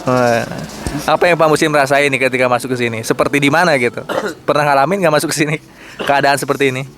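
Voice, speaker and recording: A man hosting, asking participants quick probing questions in a casual interview at a mosque gathering. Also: mid-range voice, steady tone, a bit bright, slight background noise. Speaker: host interviewing camp participants.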